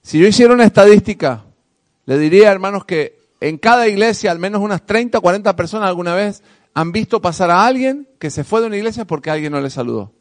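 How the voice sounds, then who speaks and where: A male pastor preaching a sermon to his congregation, swinging from soft asides to loud emphasis and calling for responses. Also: high-pitched, lively intonation, quick pace. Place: church hall with congregation. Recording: long hall reverb.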